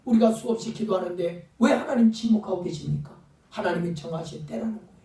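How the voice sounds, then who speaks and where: A man's voice: sits high, fast, dark tone. A male pastor preaching a fervent sermon, sometimes acting out pleading voices. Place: church sanctuary. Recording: echoey church sound from a distant mic.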